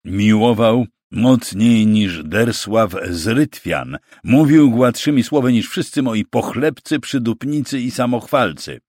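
A proud, capricious bishop with a deep, solemn voice, as a male narrator puts him on. He speaks sternly, intoning his words with lively rises and falls. The recording is dry and close. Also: slow, no echo, full character voice.

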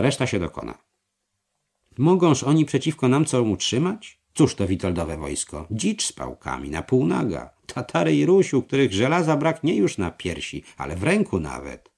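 Guy doing a hot-headed crusader knight, shouty and high, gravelly underneath. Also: exaggerated voice. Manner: shouting, zealous outbursts. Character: fiery bloodthirsty male crusader knight.

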